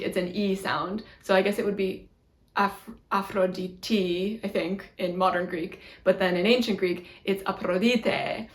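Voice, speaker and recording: A woman's voice: medium pitch, roomy sound. A young woman explaining pronunciation in a chatty, self-deprecating way, often laughing at herself. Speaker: video creator teaching Greek pronunciation. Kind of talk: casual explainer video.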